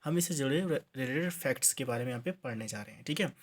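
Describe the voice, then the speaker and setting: A man's voice: mid-range voice, lively intonation, fast. A man, from Uttarakhand by accent, teaching an exam-prep grammar lesson, explaining step by step, restarting words and checking in with "okay" as he goes. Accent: Hindi from Uttarakhand.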